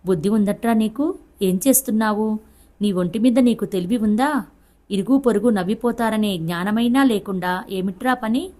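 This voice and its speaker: A woman's voice: medium pitch, moderate pace, darkish tone, lightly acted. A woman voicing an anxious older mother who scolds her grown son in a tearful voice, in a Telugu audiobook reading. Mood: alarmed, tearful.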